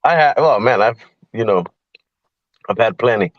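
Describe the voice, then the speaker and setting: A man from El Salvador whose first language is Spanish chats in an easygoing, halting way. The recording is dull and lo-fi and quite dry. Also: mid-range voice, animated, no echo. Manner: easygoing, hesitant. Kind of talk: casual chat. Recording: dull lo-fi audio.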